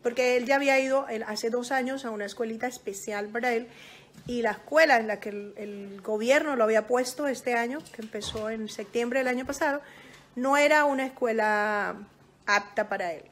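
A woman who is a parent calmly giving advice to other parents in a casual talk, speaking gently with many pauses and restarts. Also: fairly high pitch. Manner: teacherly, checks in with "¿ok?".

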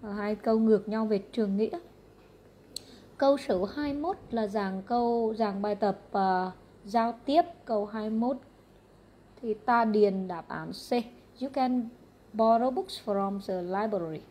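A woman with a Vietnamese accent, an English teacher going briskly through exam answers question by question, matter-of-fact and repetitive. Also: mid-range voice, dark tone.

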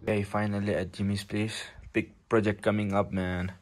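A man's voice: fairly low pitch, little pitch movement, moderate pace. A young man with a Bhutanese accent chats casually and playfully to a vlog camera, slipping between languages and slang. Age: young adult. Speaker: vlogger. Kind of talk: casual vlog chat mixing two languages.

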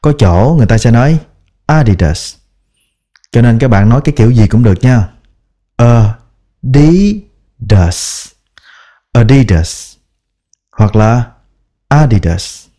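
A man teaching English brand-name pronunciation in a patient, step-by-step lesson, repeating each word slowly. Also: medium pitch, mellow. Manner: drawn-out repeated example words, patient explaining. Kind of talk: slow instructional pronunciation lesson.

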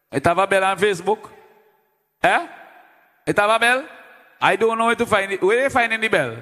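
A man with a Vincentian accent hosting a live stream as DJ. He talks loudly and playfully, chanting call-outs to the audience. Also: extremely high pitch, long reverb tail. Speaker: livestream host and DJ.

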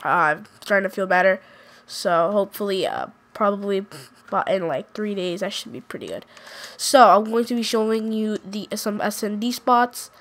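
Stuffed up from a cold, this woman comments casually on her gameplay for YouTube, naming map callouts while rambling and uncertainly correcting herself often. Her voice is medium in pitch and a bit bright, moving at a moderate speed.

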